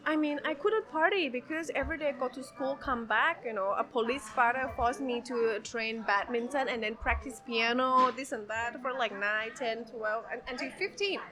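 High-voiced Thai woman chatting casually. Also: a crowd in the background. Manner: halting, repeats words. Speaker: interview guest. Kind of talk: casual chat.

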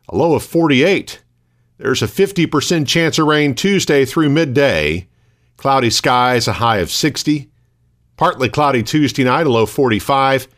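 A man hosting a local radio news programme, reading scripted items in a measured, formal announcer delivery. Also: medium pitch, fairly bright tone.

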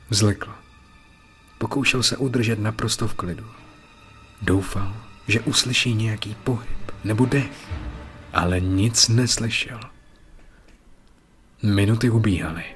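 Man, horror story narration, deep voice, measured, faint music. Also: fairly bright tone.

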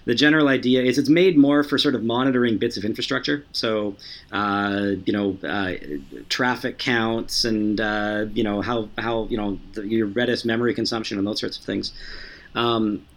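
A man talking casually as a podcast guest about his software work, stumbling over many restarts and fillers. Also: lowish voice, steady tone, normal speed. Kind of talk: casual conversation.

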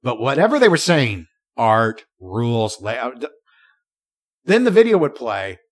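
A man talks on a podcast in a relaxed, conversational way. His pitch swings widely as he tells the story, and he often stops and restarts his sentences. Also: unhurried. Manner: animated storytelling with frequent restarts. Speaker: podcast co-host. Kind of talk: casual chat.

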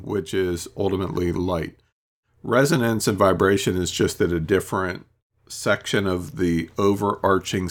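A man with a very deep voice gives a casual spiritual talk on his own. He wanders through his thoughts, pausing on ums and asides as he goes. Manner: rambling, reflective, many ums and asides.

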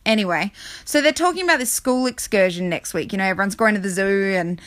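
A woman in her thirties, a mother of six, rambling through a fast, self-mocking comedic monologue. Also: medium pitch, dry recording.

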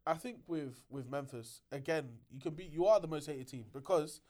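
A man's voice: a little high, moderate pace, a little mellow. A man chatting casually about sport as a podcast co-host, slangy and emphatic, restating his points.

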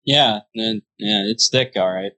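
A man in his thirties co-hosts a casual podcast, tossing in dry, wisecracking jokes. His voice sits on the low side and sounds pushed and bright, and he takes his time.

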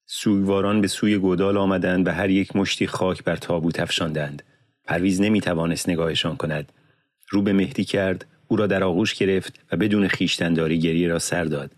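A man narrating an audiobook in a measured, solemn reading on a close studio mic. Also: low voice, steady tone, no echo. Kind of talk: scripted narration.

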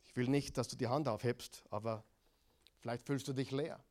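A middle-aged pastor preaches a sermon, moving between loud, dramatic passages and quiet, intimate ones and putting questions directly to his listeners. His voice is mid-range, with a steady tone and a moderate pace.

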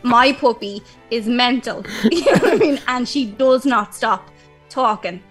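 A woman chatting casually as a guest, talking quickly and laughing often. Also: a little high, fairly bright tone, husky, soft background music. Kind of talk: casual chat.

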